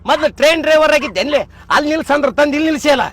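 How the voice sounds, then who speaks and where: A man's voice: extremely high pitch, rapid-fire, noisy background. A man with a North Karnataka accent playing a teasing, mock-innocent driver in a comedy sketch. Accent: North Karnataka Kannada.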